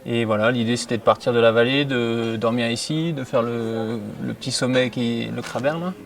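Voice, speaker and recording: A man's voice: medium pitch, steady tone, moderate pace, creaky, distant mic. A man from Paris, a hiker, talking in a laid-back way in an interview. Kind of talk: casual documentary interview.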